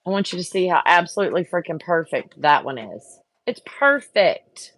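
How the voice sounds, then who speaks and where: A woman whose voice sits on the low side speaks in an animated, fairly quick way, chatting casually with viewers as she crafts. This craft vlogger gets frustrated and talks to herself, and there's no echo.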